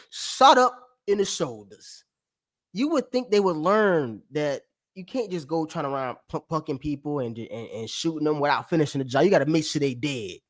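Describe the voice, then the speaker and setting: A man's voice: fairly high pitch, expressive, normal speed, no room sound, clean studio sound. A man hosting a casual TV review chat who steers the conversation and jumps in to interject, calling his co-host brother. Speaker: podcast host.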